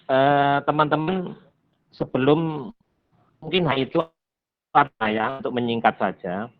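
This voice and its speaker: A man leading an online meeting, his video call audio breaking up and cutting out as he talks haltingly. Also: medium pitch, phone-quality sound. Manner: halting, with many fillers. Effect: choppy, cutting-out video call audio. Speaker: meeting leader.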